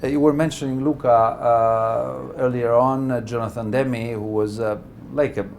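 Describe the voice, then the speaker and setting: A man interviewing a filmmaker, asking his questions hesitantly with many pauses and restarts. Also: medium pitch, fairly even intonation, creaky, darkish tone.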